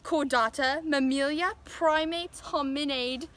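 A woman's voice: sits high, fairly even intonation, takes it slowly, a bit bright, a little hiss or hum. A woman co-hosting a playful mock nature documentary, chatty and a little hesitant. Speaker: co-host.

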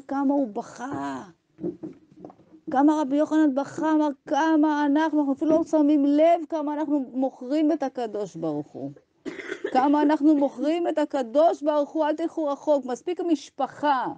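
High-voiced impassioned woman preacher. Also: dark tone, highs cut off. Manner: impassioned, rhetorical, acts out dialogues. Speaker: religious women's teacher. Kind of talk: Torah ethics lesson.

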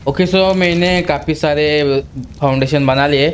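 A man's voice: on the high side, a little slow, noisy background. A young man hosting a gaming channel, giving casual gameplay commentary and breaking into panicked yelps when attacked. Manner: excited, yelps in sudden panic.

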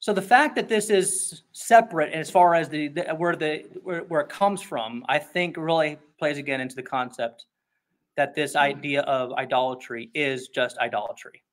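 A male pastor preaching an expository sermon in a conversational, emphatic way, often slipping into quick acted-out voices. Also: on the high side, a bit bright.

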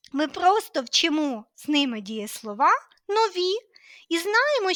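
A woman teaching an online language lesson, explaining patiently and clearly with lively emphasis. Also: very high voice, dry recording, studio quality.

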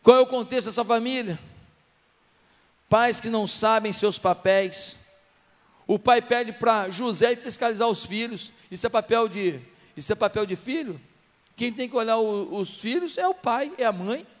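A pastor preaches to his church in a strikingly high voice, pressing the congregation with rhetorical questions. His words ring out with a long, echoing reverb of a large church hall. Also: moderate pace, a bit bright. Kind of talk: sermon.

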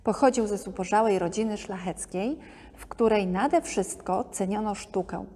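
A woman narrating a museum art-history podcast in a calm, measured scripted reading. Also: medium pitch. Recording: long hall reverb.

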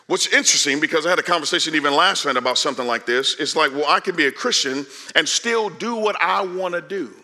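A man in his forties preaching a sermon on a large church stage, animated and conversational, swinging from loud calls to hushed asides. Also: a little high, fast talker, few pauses. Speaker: pastor.

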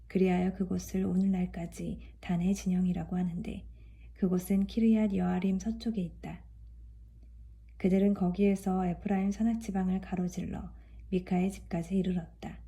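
A woman reading scripture aloud in a calm, even way. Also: lowish voice. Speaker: scripture reader.

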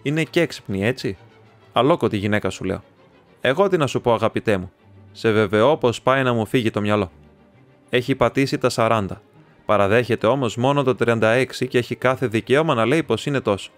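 A man reading the part of a talkative, excitable young male student who rambles, chats and teases his friend. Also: mid-range voice, faint music behind, lightly acted. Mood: chatty. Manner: rambling, chatty, teasing.

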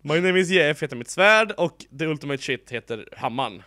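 A man co-hosting a casual Let's Play, excitable and quick to laugh and shout. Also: a little high, no room sound, studio quality. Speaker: gaming channel co-host.

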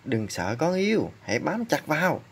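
A woman's voice: low voice, sing-song, moderate pace, husky, heavily acted. A woman voicing a caring, encouraging mother kangaroo, coaxing as she reads a storybook to a toddler. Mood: reassuring.

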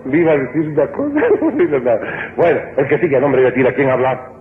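A man with an Ecuadorian accent hosting a live call-in joke show on the radio, brisk and barking cues at callers. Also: mid-range voice, expressive. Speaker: radio host. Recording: old tinny radio broadcast, echoey, noisy.

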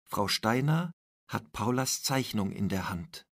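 A man reads a short story aloud slowly and deliberately for language learners. His voice is gravelly and somewhat husky, with a lively, varied pitch. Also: no echo, clean studio sound. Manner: clear, deliberate reading. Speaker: reader. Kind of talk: slow storybook narration for learners.

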